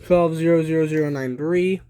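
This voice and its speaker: A young man with a higher voice narrates a casual show-and-tell video about his hobby collection, speaking at a moderate pace with fairly even intonation. He's in a small room at home, holding the phone behind the camera, and the recording is noisy with clicking throughout.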